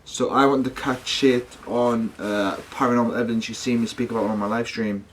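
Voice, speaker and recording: A man speaks to his viewers in a casual vlog style. His delivery rambles and doubles back on itself, full of slangy, matey phrasing, at an ordinary male pitch. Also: steady tone, fairly quick, slight background noise. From United Kingdom. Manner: rambling, slangy, with self-corrections. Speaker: paranormal investigation vlogger.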